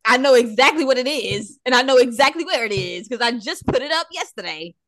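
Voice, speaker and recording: A woman's voice: on the high side, lively intonation, a little fast, a bit bright. Sassy woman hosting a podcast. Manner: sassy, playful, teasing. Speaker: podcast host. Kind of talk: casual podcast chat.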